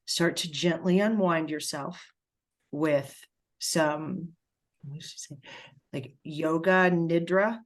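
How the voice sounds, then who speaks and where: A middle-aged woman with a low voice gives a spiritual reading, pausing often and filling gaps with "um." She talks haltingly and gets emotional as she relays what she senses. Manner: halting, emotional, many fillers and pauses. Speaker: spiritual medium.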